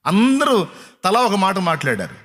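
A man's voice: sits high, huge pitch swings, moderate pace, fairly bright tone. A middle-aged man preaching a sermon, pressing the congregation with repeated rhetorical questions and emphatic, insistent phrasing. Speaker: pastor.

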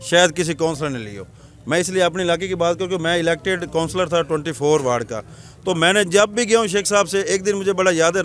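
A middle-aged man with a Punjabi accent speaks into a handheld mic on a crowded street, in a slightly high voice. He is a local councillor giving an earnest, rambling account in a street interview. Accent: Punjabi-accented Urdu. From Pakistan. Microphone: handheld reporter mic.

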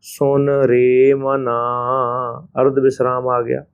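A man with a Punjabi accent teaches careful scripture pronunciation, drawing each phrase out very slowly in a flat, even voice. He breaks off into brisk spoken pointers between lines. The recording is narrow and tinny, like a phone line. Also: medium pitch, creaky, smooth. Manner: chants each phrase slowly, then explains quickly. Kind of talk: slow recitation lesson with spoken pointers.

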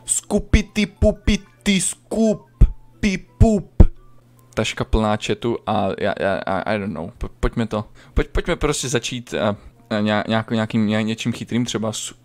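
A man streaming a video game, commenting casually and crudely, swearing often and breaking into sudden high yelps. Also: soft background music. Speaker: gaming streamer. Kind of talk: casual let's-play commentary.

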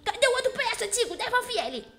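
A woman's voice: very high-pitched, very animated, very fast. A woman voicing a cheeky, feisty little girl who hosts a children's Minecraft role-play, exclaiming in a childlike, bratty way. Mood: alarmed, defiant. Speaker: host of children's gaming channel. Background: music.

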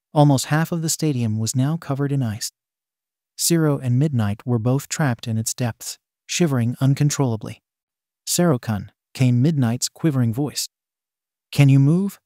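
A man narrating a fan fiction story aloud in a steady, even reading style. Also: medium pitch, normal speed, no room sound, clean studio sound.

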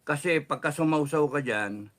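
Give me a man delivering heated political commentary as a guest. He speaks angrily and emphatically, cursing often. His voice sits high and sounds bright and forceful. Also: normal speed.

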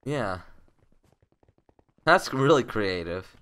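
A man's voice: lowish voice, animated, extremely slow, a bit bright, smooth. A young man chatting casually and joking around while playing a game with a friend. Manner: joking, playful banter. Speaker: gaming channel co-host. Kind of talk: casual gameplay chat.

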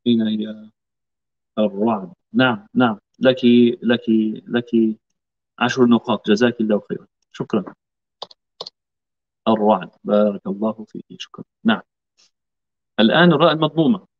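A man's voice: fairly low pitch, normal speed, pauses often. A man teaching a Quran recitation class online. He patiently corrects students and models each word for them to repeat. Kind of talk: online tajweed class instruction. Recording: lo-fi online call audio.

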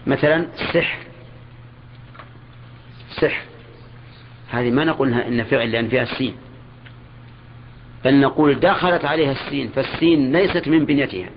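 An older man, teaching a grammar lesson in a measured way. He repeats key words and puts questions to his students. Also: mid-range voice. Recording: dull lo-fi old lecture recording with faint hiss.

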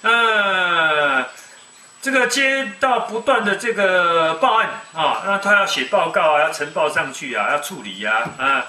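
Animated Taiwanese man in his fifties. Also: sits high, measured pace. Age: 50s. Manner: animated, folksy, mixes Mandarin and Taiwanese Hokkien. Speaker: web TV commentator. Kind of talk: casual commentary on news. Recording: echoey room, distant mic, faint noise.

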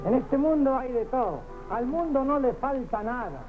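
An actor playing a cheeky, put-upon Argentine soldier, a bungling orderly who wisecracks and exclaims in an old television comedy. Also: male voice, very high-pitched, expressive, normal speed, soft background music. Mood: wry, chatty. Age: middle-aged. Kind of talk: 1960s television sketch comedy acting. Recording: tinny, noisy old television soundtrack.

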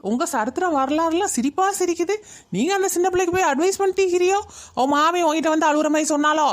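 A sharp-tongued older woman in a cartoon scolds gossips with biting sarcasm, as a woman plays her. She speaks fast in a Kayalpattinam Tamil accent. Her voice sits high. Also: lightly acted. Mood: scolding. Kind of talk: cartoon voice acting.

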